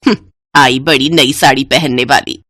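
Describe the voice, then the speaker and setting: Woman voicing older storybook mother-in-law, harsh, bossy, lowered voice, dry sound. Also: lively intonation, moderate pace, pushed and bright, dry recording, exaggerated voice. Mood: scornful. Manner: scolding, contemptuous.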